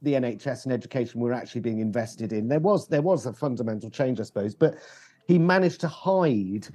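A man's voice: mid-range voice, lively intonation, fairly quick, warm tone. A British man in casual political chat, swearing freely and throwing out rhetorical questions.

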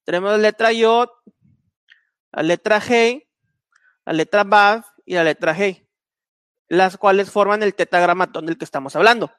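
A man's voice: sits high, moderate pace, long pauses, a bit bright, smooth, no room sound. A man explaining slides as a Bible teacher, methodical, with frequent fillers and restarts. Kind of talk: explaining slides in a recorded lesson.

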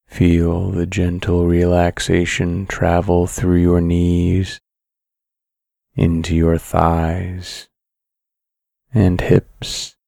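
A man narrating a guided sleep story in a calm, soothing, measured way, with long pauses between phrases. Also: low-pitched, gravelly, no echo, clean studio sound.

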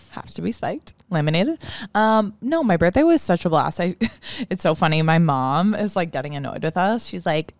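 Woman, twenties, podcast co-host, slightly low voice, casual chatty talk, dry studio sound. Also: expressive, normal speed, no echo. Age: 20s. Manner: chatty, many "like" fillers. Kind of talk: casual chat.

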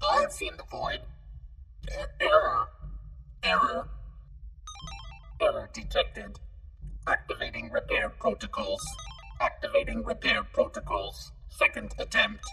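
A man's voice: very high-pitched, slow pace, pauses often, big-room sound, soft background music, full character voice, low-quality recording. A man voicing a malfunctioning computer system that speaks in clipped announcements through a glitchy robotic filter. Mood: mechanical. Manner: flat, clipped machine announcements. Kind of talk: scripted show intro.

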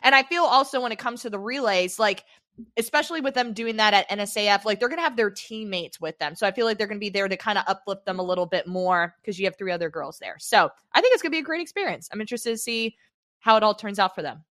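A woman co-hosting a track podcast who talks through race schedules in an upbeat, chatty way. Her voice is bright, and it is recorded dry with no room sound. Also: mid-range voice, lively intonation, fast, no room sound. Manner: chatty, upbeat, says "I feel like". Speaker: podcast co-host, running analyst. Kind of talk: casual sports podcast analysis.

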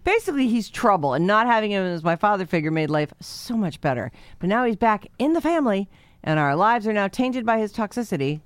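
A woman's voice: mid-range voice, very animated, brisk, dry recording. A woman reading a letter aloud in casual chat, adding sarcastic asides. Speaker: host reading a listener letter.

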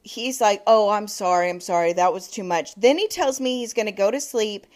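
A woman's voice: medium pitch, normal speed. A woman in her thirties, co-hosting a podcast, telling a story in casual chat with lots of swearing and quoted texts. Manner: animated, swearing, quoting texts. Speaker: podcast co-host.

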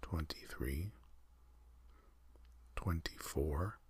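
A man telling a calm ASMR sleep story, counting in a soft, half-whispered, unhurried way. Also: extremely low pitch, slightly rough.

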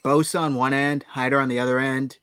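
A man's voice: medium pitch, little pitch movement, fairly quick, a bit bright, clear, resonant tone, dry recording. Male podcast co-host, dry close sound, enthusiastic with sarcastic asides. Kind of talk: casual sports chat.

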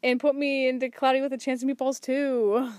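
High-voiced woman in playful casual chat. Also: level tone, a little fast, a crowd in the background. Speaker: podcast host. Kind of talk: casual reaction chat while watching a cartoon.

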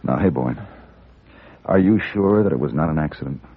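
An actor playing a cool, self-assured American hired gun in an old radio western, speaking formally and with measure. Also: male voice, very deep voice, lively intonation, normal speed, heavily acted. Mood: quiet, concerned. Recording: dull old radio recording.

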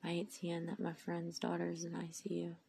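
Woman, weary and tearful, heartfelt faith monologue; low, flat delivery, faint hiss behind. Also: brisk, gravelly. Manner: heartfelt, emphatic, rambling. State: tired, tearful. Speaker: faith vlogger. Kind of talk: inspirational monologue.

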